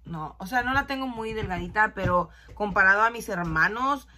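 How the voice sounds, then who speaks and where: A woman's voice: medium pitch, normal speed, sharp tone, a little hiss or hum. A woman, chatting casually and switching between Spanish and English as she films a beauty vlog. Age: 20s. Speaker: beauty vlogger. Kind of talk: casual get-ready-with-me chat. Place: small bedroom indoors.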